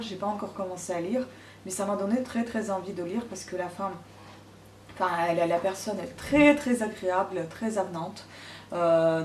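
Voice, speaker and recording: A woman's voice: medium pitch, darkish tone, a little hiss or hum. A woman, chatting hesitantly to camera as a vlogger showing her gifts. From Ukraine. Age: 30s. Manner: chatty, hesitant, many pauses. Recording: roomy, distant from the mic.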